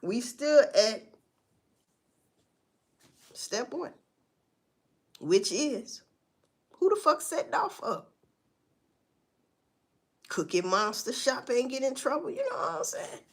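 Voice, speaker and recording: A woman's voice: high-pitched, very animated, slow, long pauses, slightly rough. A woman giving casual, profane and sarcastic commentary, rambling along with sighs and laughs. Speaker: vlogger commenting on news.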